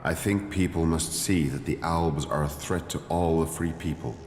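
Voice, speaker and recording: A man's voice: extremely low pitch, fairly even intonation, moderate pace, a little mellow, a little hiss or hum. An actor playing a stern, haughty male cleric leader in a video game, speaking formally and condescendingly. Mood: formal, measured. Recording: echoey hall reverb, music underneath.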